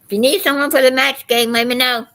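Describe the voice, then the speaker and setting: A woman's voice: high-pitched, fairly even intonation, fast, fairly bright tone. An older woman with a Southern US accent, chatting casually to livestream viewers in a folksy, meandering storytelling way. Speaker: livestream host.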